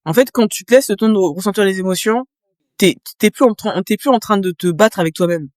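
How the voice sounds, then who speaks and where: The speaker is a business coach appearing as a guest in a casual interview, her medium-pitched voice brisk and somewhat dark. She explains her experience with vivid imagery, talking straight to the listener, in studio-quality audio with no room sound.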